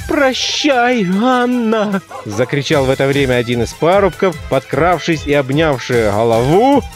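A man reading a literary story aloud in a measured, expressive narration. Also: medium pitch, faint music behind. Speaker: audiobook reader.

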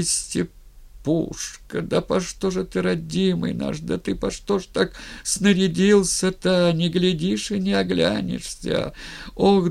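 Man voicing an old madwoman, keening lament, very high wail, gravelly edge, storybook reading. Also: a little mellow, full character voice. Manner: sung-out lament, drawn-out wailing.

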